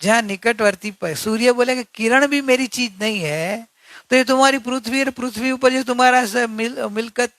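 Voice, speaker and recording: A man's voice: very high-pitched, moderate pace, fairly bright tone, dry recording. A man giving an earnest religious discourse, repeating key points and asking rhetorical questions. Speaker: spiritual teacher.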